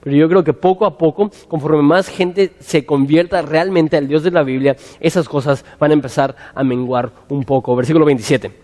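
A lively man preaching in a reverberant church hall, his voice sitting fairly high for a man. He breaks into little acted-out dialogues to bring the scripture to life. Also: normal speed, few pauses. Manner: animated, acts out scenes with quoted voices. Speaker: pastor. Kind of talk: sermon.

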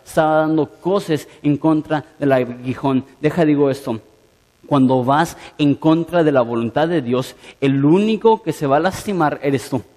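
A man's voice: on the high side, a little mellow. A man preaching a sermon in an earnest way, asking his listeners direct questions. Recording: long hall reverb.

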